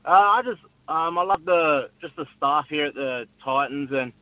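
Appearing as a guest on a radio show, a young rugby league player from Brisbane speaks in an Australian accent, easygoing and humble, leaning heavily on filler words. The voice sits fairly high at a normal speed, with no room sound and phone-quality audio.

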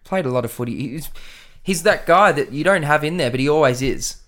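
Laid-back Australian bloke chatting footy. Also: male voice, fairly high pitch, lively intonation, fairly quick, a bit bright. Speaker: podcast host. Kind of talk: casual football podcast chat.

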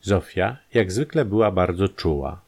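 A man reading a crime story as its narrator, in measured, scripted storytelling. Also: low voice, lively intonation, a little mellow.

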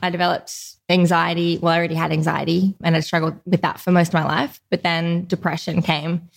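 A fairly quick, creaky-voiced woman from Australia chats openly about her life as a guest on a podcast. Her pitch is fairly low with little movement, and in this casual interview she fills her speech with "like."

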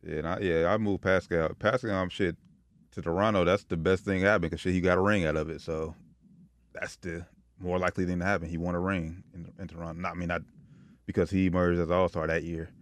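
A man with a very low voice discusses sports casually. He speaks informally, as if among friends. The recording is dry, with hardly any room sound. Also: level tone, fast talker, dry recording. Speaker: sports talk panelist.

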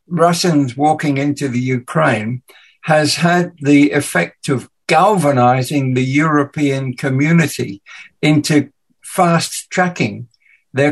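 A man's voice: on the high side, poor audio. A male podcast host with a mixed English and Danish accent, chatting casually and musing aloud. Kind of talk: casual radio chat.

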